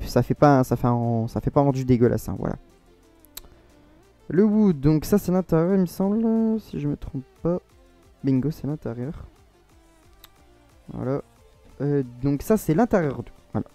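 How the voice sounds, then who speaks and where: A man with a French accent talks through a screen-recorded modding tutorial in a very dark, mellow voice. He rambles, hesitates and corrects himself as he goes. Faint music plays underneath. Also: mid-range voice, measured pace, long pauses. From France.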